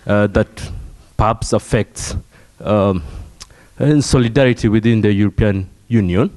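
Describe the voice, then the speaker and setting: A man from Kenya, an audience member, politely asking a panel ambassador a question in a measured, hedging way. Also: on the low side, darkish tone.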